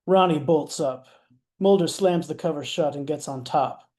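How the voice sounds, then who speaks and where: A man's voice: a little high, moderate pace, dark tone. A man narrating stage directions in a matter-of-fact way, with wry asides. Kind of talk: scripted narration.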